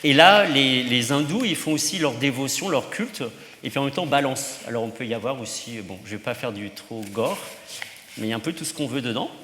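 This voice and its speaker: A man's voice: mid-range voice, expressive, a little fast, pushed and bright, slight background noise. A male priest giving an informal teaching to teenagers, chatty, with many fillers and asides. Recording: roomy hall with long reverb.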